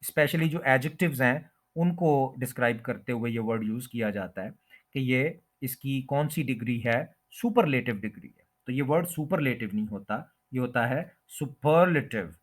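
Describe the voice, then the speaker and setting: A man teaching English word pronunciation, who repeats each word slowly and draws out the stressed syllable. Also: mid-range voice. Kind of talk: pronunciation lesson explained in Hindi-Urdu.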